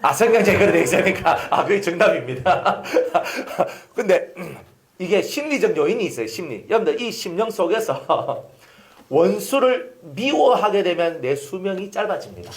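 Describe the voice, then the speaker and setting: A man's voice: high voice, moderate pace. A male pastor preaching a sermon, telling stories and acting out scenes. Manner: animated storytelling, acting out scenes with voices. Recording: echoey hall.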